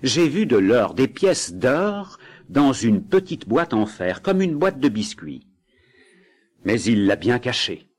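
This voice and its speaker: A man voicing a blunt, greedy peasant wife who insists in a raised, higher voice. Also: very animated, slow pace. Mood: insistent. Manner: brusque, insistent.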